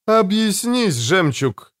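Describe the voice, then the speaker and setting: A man's voice: sits high, big pitch swings, takes it slowly, a bit bright, voice pushed up, exaggerated voice. A man reading an audiobook, voicing a blunt, proud female army captain in a raised, clipped, insistent voice. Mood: curt, demanding. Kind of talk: audiobook character voice.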